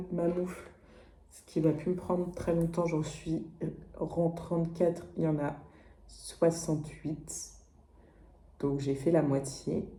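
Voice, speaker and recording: A woman's voice: sits low, dark tone, roomy sound. A young woman from France chatting casually in a knitting vlog, slangy and full of fillers and restarts. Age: young adult. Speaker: knitting vlogger, exchange student.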